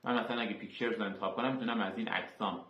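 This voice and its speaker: A man hosting a screen-recorded software tutorial, explaining each term step by step with filler sounds. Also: lowish voice, steady tone. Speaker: tutorial host. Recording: echoey, dull lo-fi room.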